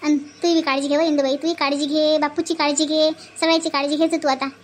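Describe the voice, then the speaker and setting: Woman, thirties, chatty and pleading, quick high voice. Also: level tone, slight background noise. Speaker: comedy video host. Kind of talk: casual sketch comedy.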